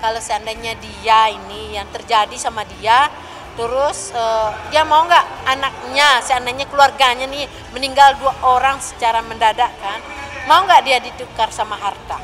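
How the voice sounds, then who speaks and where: Soft-spoken older woman, tearful. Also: a little high, steady tone, normal speed, faint music behind. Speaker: interviewee, grieving grandmother. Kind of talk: emotional press interview.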